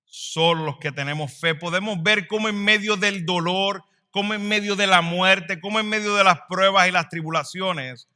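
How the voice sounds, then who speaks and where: Man, pastor, sermon, bright forceful tone, slightly high voice, swells and hushes. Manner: dynamic preaching, swells louder then drops to a hush.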